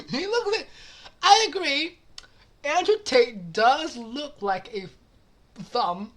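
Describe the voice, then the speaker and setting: A woman hosts a casual reaction commentary on forum posts. Her voice sits a little high and swings widely in pitch. She talks crudely, swears freely, giggles often and keeps saying sorry. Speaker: channel host reading forum posts.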